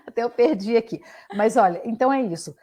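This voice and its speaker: Older woman, playful and high. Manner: playful, recites riddles and tongue twisters with restarts. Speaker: guest speaker, professor. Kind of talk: live online talk.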